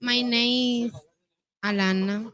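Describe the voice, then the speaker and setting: Young Dominican woman, halting English. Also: on the high side, fairly even intonation, fairly bright tone. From Santo Domingo, Dominican Republic. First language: Spanish. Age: 20s. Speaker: interview guest. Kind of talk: short answers in simple English.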